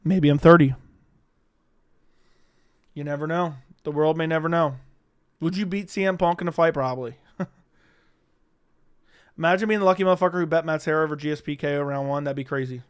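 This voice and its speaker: Smooth-voiced young man chatting on a livestream. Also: on the high side, fairly even intonation, brisk, pauses often. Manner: rambling, profane, answers chat questions. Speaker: livestream host. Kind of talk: casual livestream chat.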